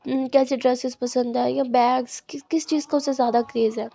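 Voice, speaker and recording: A woman's voice: high-pitched, steady tone, fairly quick, gravelly, mellow. A woman voicing a mischievous female professor who teases and scolds her student. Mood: teasing. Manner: teasing, scolding.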